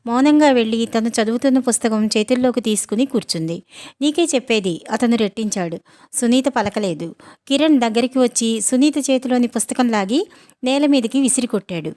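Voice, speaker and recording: A woman narrating a novel as an audiobook reader, in an even storytelling manner. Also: fairly high pitch, fairly quick. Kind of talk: novel reading.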